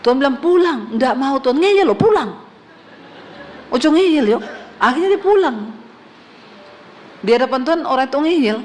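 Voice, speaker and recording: High-voiced woman pastor preaching animatedly. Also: normal speed, pauses often, slight background noise. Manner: animated storytelling with quoted voices and humor. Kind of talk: sermon.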